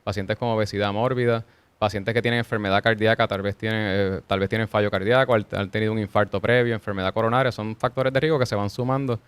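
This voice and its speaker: A man speaks quickly as a cardiologist guest, explaining things step by step with little restarts. His voice is smooth and clear, recorded dry and close. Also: lowish voice, fairly even intonation, no room sound. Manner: measured, explanatory, frequent small restarts. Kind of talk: explanatory interview answers.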